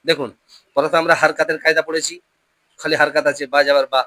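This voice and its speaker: A Quran reading teacher giving a patient lesson, drilling pronunciation call-and-response, often repeating questions and slowing down to model each word. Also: medium pitch, little pitch movement, bright, forceful tone, dry recording.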